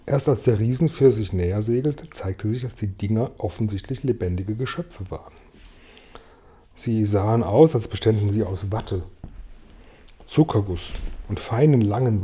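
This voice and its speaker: A man reading a children's storybook aloud in a calm, measured way. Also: fairly low pitch, husky. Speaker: audiobook reader. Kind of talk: storybook narration read aloud.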